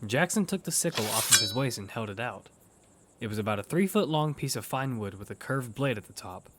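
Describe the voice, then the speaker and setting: In a battle-survival audio drama, an actor voices a wary young man, narrating in first person and speaking dialogue with tension. His mid-range voice is animated and fairly quick, close to everyday speech. The recording is very noisy, with music behind him.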